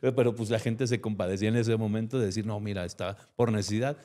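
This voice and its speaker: A man's voice: on the low side, steady tone, quick pace, dark tone. A man with a Mexican accent, a guest giving an emotional personal testimony and acting out remembered conversations. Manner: emotional storytelling, acts out remembered dialogue.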